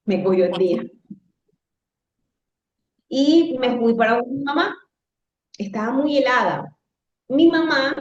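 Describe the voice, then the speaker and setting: A woman with a Caribbean Spanish accent tells a personal story conversationally, in halting phrases with some repetition. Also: mid-range voice, darkish tone. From Caribbean coast of Latin America. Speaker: guest telling a personal testimony. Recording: roomy echo, slightly dull sound.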